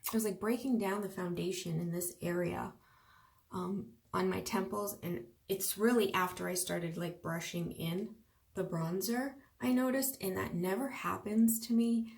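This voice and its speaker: A young woman reviews makeup in an unhurried, casual vlog voice. She chats and muses to herself, with many fillers between her thoughts. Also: lowish voice, creaky. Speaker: beauty vlogger.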